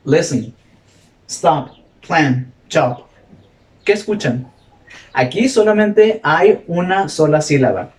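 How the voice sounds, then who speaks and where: A man teaching a classroom grammar lesson, who quizzes his students and repeats example words slowly. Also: a little high, darkish tone. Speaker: English teacher. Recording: echoey room, mic far off.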